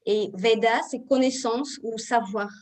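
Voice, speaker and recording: A woman with a Russian accent speaks as a guest in an online interview. Her voice sits fairly high, and she explains things calmly and softly, with pauses to find her words. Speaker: guest, Ayurveda therapist.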